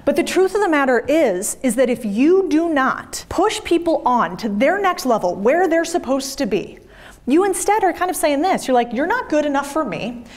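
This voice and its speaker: A woman in her thirties with a fairly high voice speaks on stage to a live audience. She is blunt and emphatic, swears freely and drives home each point in a motivational talk. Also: sing-song, normal speed. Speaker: business speaker. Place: event room with audience.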